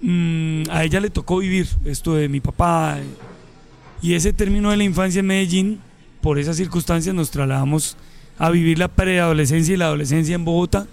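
A Colombian man in his forties, a guest telling stories from his life in a relaxed, casual interview. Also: fairly high pitch, a little fast, gravelly, faint music behind. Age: 40s. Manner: relaxed storyteller, mixes local slang.

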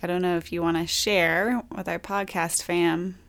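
A woman's voice: on the low side, steady tone, moderate pace, gravelly. A woman with an American accent chatting casually as a podcast co-host. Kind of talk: casual co-hosted podcast chat.

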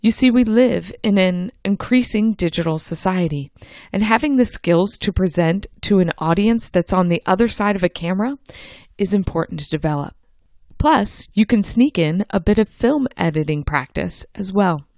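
A woman's voice: mid-range voice, lively intonation, normal speed, darkish tone, no echo, studio quality. A middle-aged woman presenting a scripted instructional science show in an upbeat, encouraging manner. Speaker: host of a homeschool science show. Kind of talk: scripted podcast narration, instructional.

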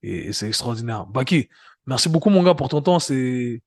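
A man hosting a podcast in relaxed, friendly chat, often repeating words and calling his guest "my guy". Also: medium pitch, normal speed, no room sound, studio quality. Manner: friendly, repeats words, says "mon gars". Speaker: podcast host. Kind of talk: casual interview chat.

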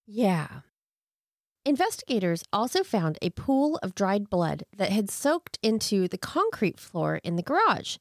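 A woman's voice: medium pitch, sing-song, unhurried, dry recording, studio quality. A woman co-hosting a true crime podcast, moving between narration and incredulous, sardonic casual commentary. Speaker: podcast co-host.

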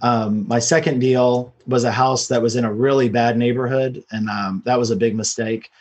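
Guy guest on a podcast, raspy mid voice, just casually rambling thru his story. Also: medium pitch, fairly even intonation, moderate pace. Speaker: podcast guest, real estate investor.

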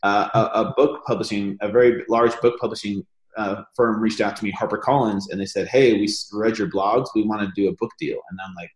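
Here a man's lowish voice moves a little fast, with a roomy sound around it. It's a casual interview on a podcast where he, as the guest, tells his story in a relaxed manner, sprinkled with many fillers.

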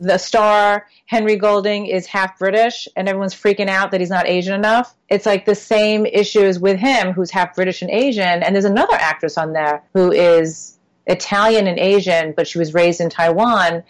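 A woman's voice: medium pitch, fairly even intonation, normal speed. A woman guest in a conversational interview, talking earnestly and explaining her view, now and then acting out questions people ask her.

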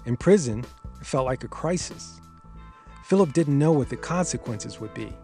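Mellow-voiced male documentary narrator. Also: medium pitch, expressive, faint music behind. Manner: measured, explanatory. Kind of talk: scripted narration.

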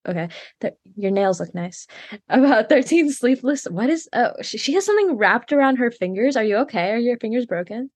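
A woman's voice: fairly high pitch, lively intonation, fairly quick, breathy edge, no room sound. A woman vlogging in casual chat, rambling with lots of fillers and restarts.

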